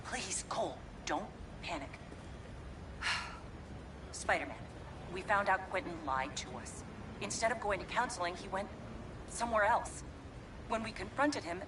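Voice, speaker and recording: A worried woman in a video game, voiced by an actress, speaking in an anxious, pleading tone. Clear background noise sits under her voice, which has an ordinary, mid-height pitch. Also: lightly acted. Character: worried adult woman asking for help.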